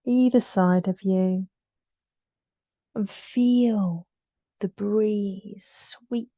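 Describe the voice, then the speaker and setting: In a mellow, relaxed, mid-range voice, a woman leads a meditation at an extremely slow pace, with short soothing phrases that trail softly into breath and long pauses between. The sound is dry, with very little room around her and no echo.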